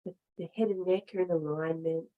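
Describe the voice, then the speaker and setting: Guiding a relaxation session, a woman yoga teacher speaks in a fairly low, narrow voice with fairly even intonation over tinny audio. Her measured instructions come in short phrases with long pauses between.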